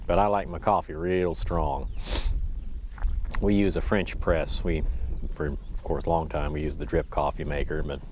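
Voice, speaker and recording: A man's voice: a bass voice, level tone, normal speed, a little mellow, a little hiss or hum. A man, perhaps middle-aged, rambles casually in a folksy, easygoing way, speaking into a lapel mic. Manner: folksy, easygoing, chuckles to himself. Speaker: vlogger. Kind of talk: casual, rambling solo chat.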